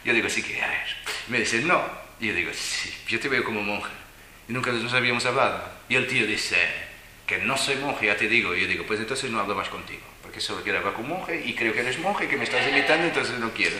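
Animated man telling stories. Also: mid-range voice, quick pace. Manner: animated, laughing, playful voices when quoting. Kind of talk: storytelling to a live audience. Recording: echoey room, faint noise.

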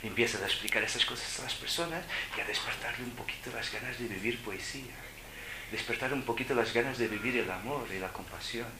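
A man gives a spiritual talk in a large room, joking with his listeners and tossing out rhetorical questions. His voice sits at a middle pitch and carries around an echoey hall. A steady ambient noise runs beneath him. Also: fast. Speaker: spiritual speaker. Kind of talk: live spiritual talk to an audience.

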